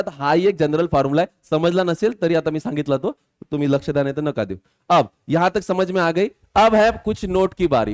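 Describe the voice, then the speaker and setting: A male physics teacher, lecturing a class, quizzing students and slowly dictating formulas. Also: sits high, darkish tone.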